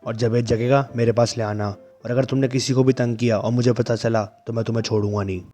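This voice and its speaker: A man voicing a calm, strong teenage transfer student who talks casually, in a comic-book recap. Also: mid-range voice, a little fast, soft background music, natural voice.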